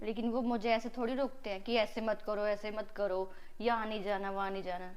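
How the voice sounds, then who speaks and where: An actress playing a stubborn, quick-tempered young daughter-in-law who argues and sulks in a family drama. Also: female voice, level tone, faint music behind, lightly acted. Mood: indignant. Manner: sulky and argumentative, pitch jumps when upset. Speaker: actress in a family short film. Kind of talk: Hindi short-film drama acting.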